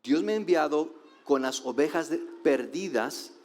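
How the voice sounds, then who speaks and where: Brief: a man doing a low, slow, firm teacher refusing a plea. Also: lively intonation, faint music behind. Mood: stern. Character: stern refusing teacher, calm grown man.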